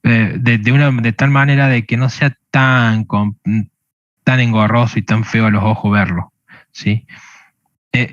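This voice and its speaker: A man teaches a programming lesson, walking through each step and pausing on a questioning "¿sí?" to check that his students follow. His voice sits at a middle pitch. The recording is dull and dry, with no room sound. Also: no room sound. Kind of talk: screen-recorded coding lesson.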